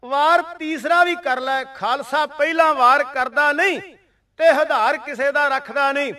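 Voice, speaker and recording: A man voicing a proud adult male warrior who calmly defies his enemy, in a recited storytelling manner. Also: very high voice, measured pace, exaggerated voice. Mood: defiant. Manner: taunting challenge in recited storytelling. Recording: distant mic.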